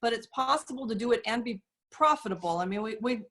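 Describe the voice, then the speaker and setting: A woman's voice: fairly high pitch, lively intonation, fast talker, a bit bright. Earnest woman explaining with many fillers. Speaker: guest, soap company representative. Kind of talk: casual interview talk.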